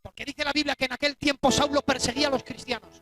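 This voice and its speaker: A preacher delivers a dramatic sermon in a church, his voice pitched high. He punches some lines out at full force and drops others to a near-hush. Music plays clearly behind him. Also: steady tone, fast. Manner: emphatic, dramatic, swings between loud exclamations and hushed asides.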